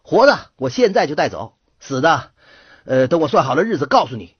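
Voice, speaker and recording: A man plays a brash, vengeful man from an old storybook tale, hurling blunt demands at the top of his voice. The voice is raspy and dry, and the pitch swings widely. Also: very animated, a little fast, no room sound, highs cut off, full character voice. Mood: defiant.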